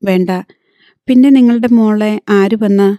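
A man's voice: high-pitched, steady tone, measured pace, warm tone, dry recording. A woman voicing a greedy, stubborn man bargaining bluntly for a dowry in an audiobook.

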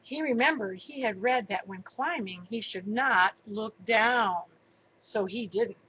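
A woman reading a children's storybook aloud in a slow, expressive way. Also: mid-range voice, dull audio, a little hiss or hum. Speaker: storybook reader. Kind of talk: read-aloud narration.

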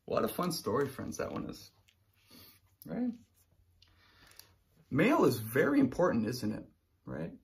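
A man in his thirties gives a children's read-aloud lesson in a small room, explaining with expression and frequently checking that the kids are with him. He speaks at a measured pace with long pauses, in a creaky, medium-pitched voice full of huge pitch swings.

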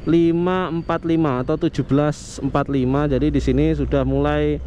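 A man's voice: on the high side, steady tone, normal speed, highs cut off. A young man, chatting casually to viewers as he rides a motorcycle through heavy traffic. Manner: chatty, addresses viewers warmly as friends. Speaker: motovlogger. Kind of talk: casual narration while riding. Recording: faint traffic noise behind.

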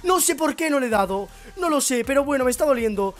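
A hoarse young man with a Spain Spanish accent, excitably commentating his own gameplay as a YouTuber, breaking into shouts and rambling. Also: very high-pitched, fast. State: hoarse, sore throat. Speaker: gaming YouTuber.

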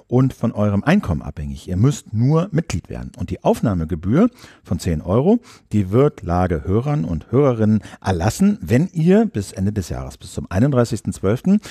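A man's voice: fairly low pitch, warm tone, slightly rough, no room sound, studio quality. A man co-hosting a political podcast, explaining things steadily with the odd filler and reading a sponsor spot. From Germany. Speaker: podcast co-host. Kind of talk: political podcast chat and read ad.

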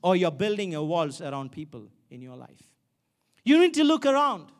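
A male pastor with an Indian accent preaches at a moderate pace with huge pitch swings, his voice strikingly high. Holding a microphone on a large stage inside an auditorium, he presses his points home emphatically by repeating key phrases.

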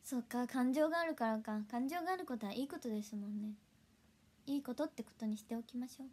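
Speaking fast and close to the microphone, a young idol livestream host chats casually with viewers. Her voice is fairly high, she giggles a lot, and at times she drops to a soft whisper.

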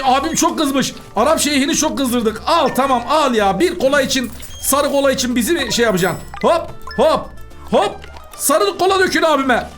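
A man hosting a gaming channel, giving excitable, chatty commentary while he plays and talks to the customers in the game. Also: extremely high pitch.

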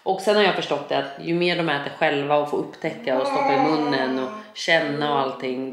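A woman vlogging at home in a casual chat, animated and blunt, swearing freely and acting out little quoted asides. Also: low-pitched. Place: home, indoors. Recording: echoey room, faint background noise.

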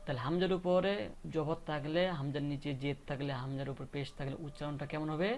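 Brief: male lesson voice, slightly high, patient slow repetition of syllables. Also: flat delivery, a little mellow, slight background noise. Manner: slow, repetitive drilling of letter sounds. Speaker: Quran reading teacher. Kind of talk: step-by-step recitation lesson.

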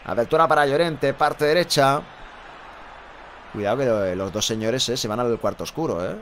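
Bright-voiced man from calling football. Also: medium pitch, moderate pace, a little hiss or hum. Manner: energetic, chatty, jokey asides. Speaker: streamer and football commentator. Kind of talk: live play-by-play with chat reading.

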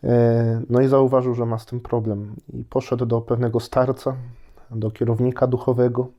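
A priest with a cold giving a short, unhurried Lenten meditation from his home, pausing often with hesitations. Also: mid-range voice, little pitch movement, lo-fi sound. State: has a cold. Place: at home, indoors.

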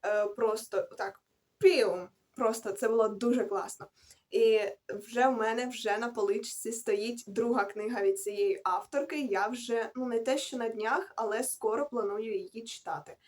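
A woman's voice: a little high, steady tone, moderate pace, darkish tone. A young woman rambling casually through her book reviews in a vlog, correcting herself and adding slangy asides as she goes. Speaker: book vlogger.

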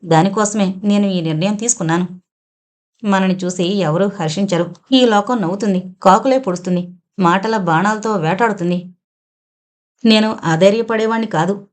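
A woman's voice: mid-range voice, normal speed, natural voice. A woman voicing a shamed, sorrowful young village woman who pleads earnestly in an audio novel. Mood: earnest pleading.

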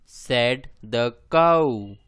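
A man reading aloud for beginning readers, deliberately and word by word, with long pauses between phrases. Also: medium pitch, animated, a bit bright, clear, resonant tone, dry recording, studio quality.

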